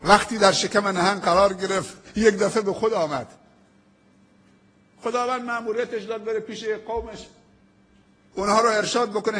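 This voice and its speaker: Husky high-voiced male preacher. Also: a bit bright. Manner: emphatic storytelling preaching with dramatic pauses, quoting prayers slowly. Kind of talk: sermon.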